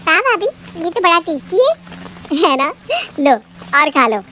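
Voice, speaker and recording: A woman's voice: extremely high pitch, expressive, unhurried, bright, forceful tone, a little hiss or hum, exaggerated voice. A woman voicing a spoiled, cheeky young sister-in-law who talks in a teasing, careless way.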